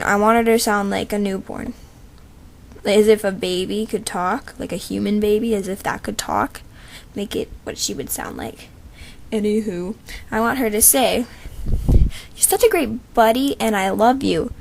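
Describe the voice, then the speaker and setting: A woman describes the roles she wants voiced in a loose, rambling way, padding her sentences with fillers. Her voice carries a gravelly, creaky edge. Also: mid-range voice. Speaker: show creator holding voice auditions. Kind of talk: casual casting call.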